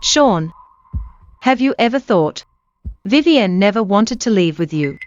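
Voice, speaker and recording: A woman's voice: medium pitch, very animated, a little slow, muffled recording. A woman dubbing a proud, wronged young woman in a drama, firm and cutting. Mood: cold. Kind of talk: English drama dub.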